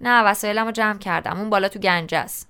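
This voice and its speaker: Snarky bored sixteen-year-old boy voiced by a woman, dry comebacks, clean smooth tone, audiobook. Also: mid-range voice, bright, forceful tone. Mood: offhand. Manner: dry sarcastic retorts. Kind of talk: audiobook character reading.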